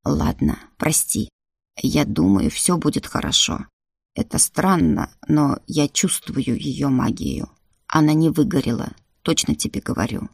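Storybook figure: a woman playing a gruff but caring young brother, low and husky. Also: big pitch swings, unhurried, dry recording, studio quality, heavily acted. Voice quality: low husky half-whisper.

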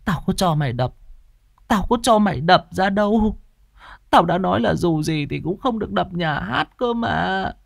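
A man's voice: animated, moderate pace, vocal fry, no room sound, clean studio sound, full character voice. A man voicing an angry old mother who scolds her son in a ghost story. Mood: angry scolding. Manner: scolding, shrill.

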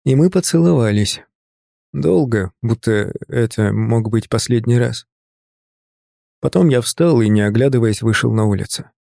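Gravelly male audiobook narrator. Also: medium pitch, dry recording, studio quality. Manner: calm, measured first-person storytelling.

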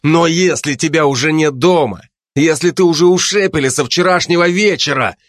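A man's voice: medium pitch, animated, moderate pace, no echo, clean studio sound, natural voice. A man voicing a young gang driver who speaks tersely with restrained irritation. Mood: irritated.

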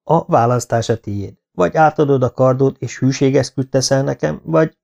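A stern, controlled Norman baron, read by a male audiobook narrator. His voice stays soft and low but carries a hard, gravelly edge, darkly toned. The recording sounds slightly dull. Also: lightly acted.

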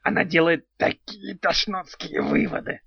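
A man voicing a gleefully perverse male house spirit in an audiobook, speaking slowly and strangely about himself in the third person. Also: high voice, fairly even intonation, creaky, slightly rough, no room sound, pitched above the performer's own voice, full character voice. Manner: slow, odd, talks of himself in third person. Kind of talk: audiobook character voice. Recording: dull lo-fi sound.

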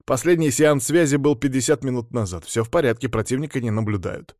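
A man's voice: mid-range voice, fairly quick, a little mellow, dry recording, clean studio sound, voice pushed up, close to an everyday voice. A man reading an audiobook voices a duty officer giving formal, respectful reports. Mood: reporting.

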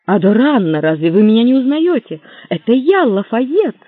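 A flustered young gentleman, voiced by a man, pleads and stammers in a high voice that swings widely. The sound is dry and tinny, like a narrow radio band. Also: sing-song, moderate pace, no room sound.

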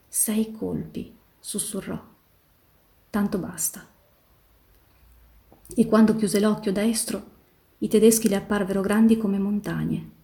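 A woman reading a novel aloud in a steady, measured way, slowing down on the tense passages. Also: mid-range voice. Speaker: volunteer reader in a reading marathon. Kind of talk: literary read-aloud narration.

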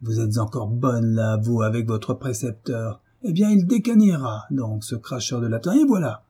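Speaking at a measured pace with a flat delivery and a fairly low, slightly rough voice, a man reads the part of a brutish, hot-tempered middle-aged landowner in an audiobook. The character is furious, blustering, cursing and shouting.

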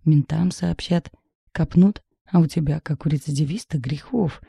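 A woman's voice: deep voice, moderate pace, gravelly, dark tone, slightly rough, dry recording, clean studio sound, full character voice. A woman reading the part of a blunt, sarcastic young woman who works as a lawyer, in an audiobook. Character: sharp-tongued young woman lawyer friend.

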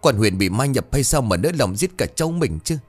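A man's voice: low voice, lively intonation, brisk, faint music behind. A man voicing a bitter old rich grandmother in a ghost story, wailing and scolding harshly.

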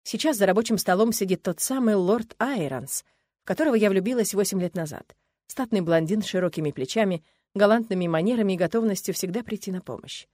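A woman reading first-person fiction aloud in a steady, expressive storytelling manner. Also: medium pitch, fast, no room sound. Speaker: audiobook narrator. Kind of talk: first-person audiobook narration.

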